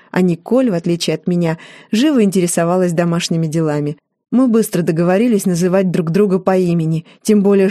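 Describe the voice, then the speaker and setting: Woman, audiobook reader, mellow tone, dry close sound, measured and wry. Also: fairly low pitch, no echo. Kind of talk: first-person novel narration.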